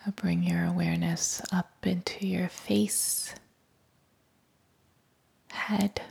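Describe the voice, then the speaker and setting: A woman whispers her way through a guided body-scan meditation, calm and unhurried. Her voice is slow and low-pitched, with a breathy, gravelly grain.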